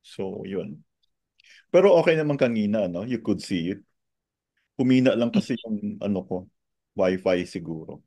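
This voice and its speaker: Low-voiced Filipino man teaching in Taglish. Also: lively intonation, normal speed, long pauses, warm tone, no room sound. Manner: mixes Tagalog and English, often adds tag questions. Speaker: teacher of a Chinese medicine review. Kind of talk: informal online lesson, question and answer.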